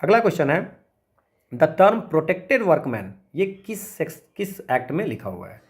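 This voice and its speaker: A man teaching an exam revision lecture, explaining step by step, asking rhetorical questions and checking in often with tag questions. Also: fairly high pitch. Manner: frequent tag questions like "है ना" and "ठीक है".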